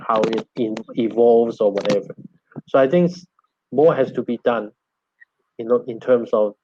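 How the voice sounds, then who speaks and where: Answering questions after his academic talk, a guest linguistics lecturer in middle age explains things, frequently repeating his words. He's a native Cantonese speaker with a Hong Kong accent and a darkish mid-range voice, heard over muffled, narrow-band online call audio with a little hiss or hum.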